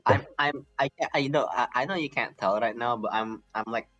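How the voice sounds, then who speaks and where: A man's voice: medium pitch, normal speed, a bit bright, highs cut off, faint music behind. A man chatting casually as a player in a game, rambling and joking a little self-consciously. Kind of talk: casual chat during a game.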